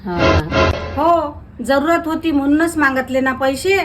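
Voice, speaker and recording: Indignant high-voiced woman. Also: steady tone, measured pace, soft background music. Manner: indignant, argumentative. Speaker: comedy sketch actor. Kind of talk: village comedy sketch.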